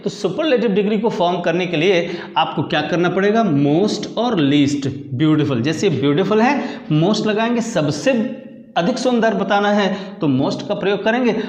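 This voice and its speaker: A man with a high voice delivers a grammar lesson in lecture style. He repeats the key words and keeps putting questions to his students. The sound has a roomy echo. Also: lively intonation, measured pace, a little mellow. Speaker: English grammar teacher. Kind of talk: classroom lecture in Hindi. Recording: echoey room.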